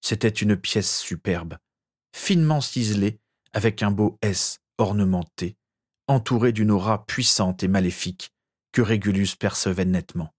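Low-voiced man reading a story. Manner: measured, expressive storytelling. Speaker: narrator.

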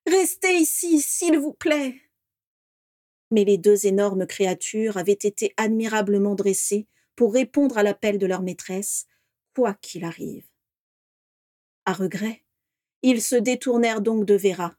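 Woman reading a fantasy story, steady and expressive, medium voice, dead dry room. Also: medium pitch, measured pace, no room sound. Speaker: audiobook narrator. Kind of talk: scripted narration.

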